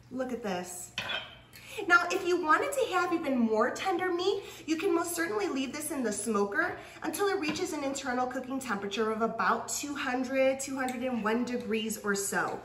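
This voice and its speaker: Woman, cooking host, gushing and exclamatory, higher voice, echoey room, mic at a distance. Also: fairly bright tone. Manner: gushing, exclamatory, laughs often. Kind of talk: cooking demonstration to camera.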